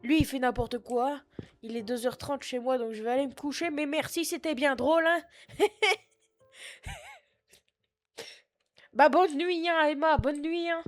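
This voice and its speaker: Winding down, a male streamer still voices his scatterbrained sixty-year-old shop clerk in live-streamed game roleplay, talking at a moderate pace with fairly even intonation. The voice is high, in a put-on Picard and Norman patois mix, and she swears freely and sniffles between rambling sentences. Flustered and chatty, she makes self-mocking asides to chat, spoken into a computer mic at home.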